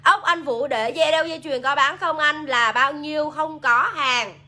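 Hosting a casual live sales stream, a Southern Vietnamese-accented woman reads viewer comments aloud and pushes her goods. She speaks at normal speed in a high, bright, forceful voice.

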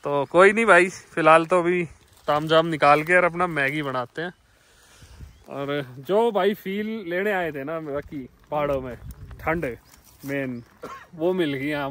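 A man's voice: on the high side, a bit bright. Upbeat young Indian man with a twang. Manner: enthusiastic, addresses viewers as brothers. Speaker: travel vlogger. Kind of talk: casual travel vlog chat. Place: inside a car, then outdoors on a mountainside.

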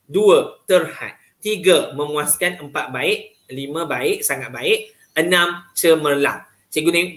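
A man's voice: a little high, sharp tone, reverberant. A man with a Malaysian Malay accent training teachers in a casual, chatty way, often checking that listeners follow.

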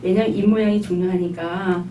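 A woman lecturing in an online class, patient and repetitive, stopping to model drawn-out sounds. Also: on the low side, fairly even intonation, mellow, recorded from a distance. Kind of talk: online lifelong-learning lecture. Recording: echoey room, voice off-mic, faint hum.

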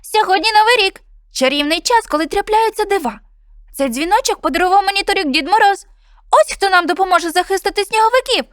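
A small, eager bullfinch from a storybook, as a woman reader puts it on, chirping out its words in a very high, bright voice. It exclaims loudly and bounces over a wide range. The sound is close and dry. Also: lively intonation, quick pace, no echo. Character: small grateful excited bullfinch bird.

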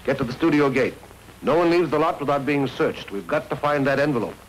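A man's voice: medium pitch, a little fast, natural voice, poor audio. A man playing a tough police detective who gives brusque commands, in 1930s film acting. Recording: old film soundtrack with faint hiss.

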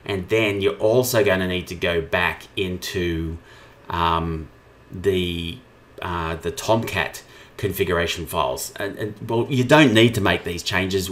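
A low-pitched male software trainer gives an informal screen-share tutorial, explaining things step by step.

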